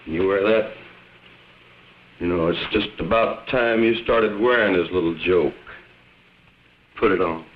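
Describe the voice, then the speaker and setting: A man's voice: deep voice, a little slow, long pauses. An actor playing a leering, swaggering crook who taunts his captive in slangy talk, in the style of an old crime film. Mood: menacing. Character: menacing, leering male crook holding a woman captive. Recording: muffled old film soundtrack, music underneath.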